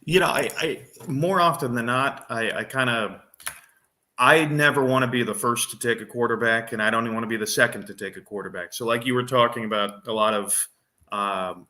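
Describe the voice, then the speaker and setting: A man's voice: mid-range voice, fairly quick, bright, forceful tone. A man co-hosting a fantasy football podcast, explaining his reasoning in casual chat and thinking aloud with frequent restarts and fillers.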